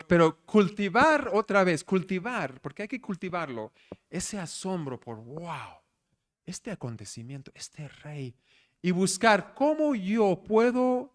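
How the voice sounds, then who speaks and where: A middle-aged man preaching a conversational sermon to a congregation, telling stories and asking the room questions. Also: on the high side. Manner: animated storyteller, asks the congregation questions. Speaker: pastor. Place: church service.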